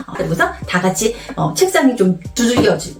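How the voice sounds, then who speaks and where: A woman's voice: mid-range voice, brisk. A woman teacher demonstrating a memory card game in a playful, classroom-style way. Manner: animated, playful teacher voice with exaggerated storytelling. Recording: roomy, a bit distant from the mic, faint music.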